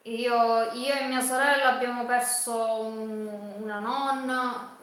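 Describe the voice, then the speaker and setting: A woman chatting casually with livestream viewers, haltingly and with repeated phrases. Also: on the high side, level tone, a bit bright. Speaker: cooking livestream host. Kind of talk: casual live chat with viewers. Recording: very echoey room.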